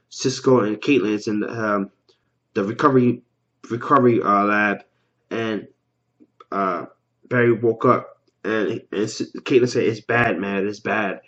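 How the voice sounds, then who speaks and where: A man's voice: fairly low pitch, lo-fi sound. A man casually recapping a TV episode, rambling, stumbling over words and repeating himself, with loose slangy talk. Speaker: TV episode reaction vlogger.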